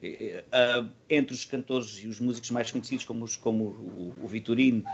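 A man with a European Portuguese accent speaks at a middle pitch in a casual interview. He is earnest and slangy, often doubling back on his words as he builds a thought. The recording is a little dull and lo-fi. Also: steady tone, a little fast, vocal fry, slight background noise. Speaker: band musician being interviewed.

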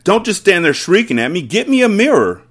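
A man voicing a blustering, vain middle-aged father in a storybook, yelling with indignant exclamations. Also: very high voice, huge pitch swings, normal speed, gravelly, husky, pitched above the performer's own voice, heavily acted.

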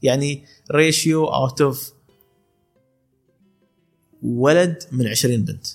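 With a creaky, mid-range voice and a slow pace, a young Emirati man tells stories on a casual podcast while faint music plays behind him. He is a calligrapher in his twenties from Khor Fakkan, UAE, speaking with an Emirati Arabic accent. He laughs often and keeps restarting his sentences.

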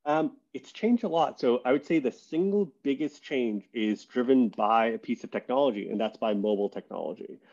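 A man talking as a guest on a podcast, relaxed and thoughtful, with lots of fillers and restarts. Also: mid-range voice, normal speed, hardly any pauses, dull audio. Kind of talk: casual interview conversation.

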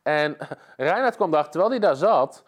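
A man's voice: on the high side, animated, unhurried. A man preaching a sermon, telling a story with emphatic repetition.

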